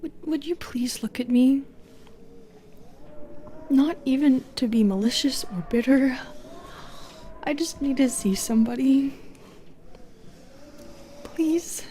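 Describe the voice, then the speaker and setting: A woman playing a lonely, cursed Medusa in an audio roleplay, speaking slowly and haltingly in a hushed half-whisper. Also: high voice, a little hiss or hum. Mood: pleading. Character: modern Medusa, lonely cursed woman, bitter yet gentle. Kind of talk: intimate audio roleplay acting.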